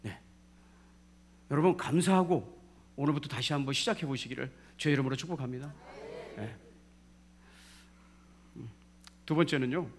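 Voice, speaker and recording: A middle-aged man with a Jeolla Korean accent preaching a sermon, calling out for amens and swinging from loud to hushed. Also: mid-range voice, moderate pace, pauses often. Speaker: pastor.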